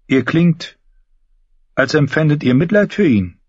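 An earnest young woman warrior, blunt and grave, put on by a male audiobook reader. The voice rides high and loud over a husky, breathy grain, slow and deliberate. The recording is dull and muffled. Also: lively intonation, no echo. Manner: higher, louder put-on voice, questioning.

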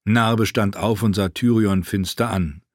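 A man narrating a fantasy audiobook in a measured, even storytelling voice. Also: fairly low pitch, no echo, studio quality. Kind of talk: scripted narration of fantasy fiction.

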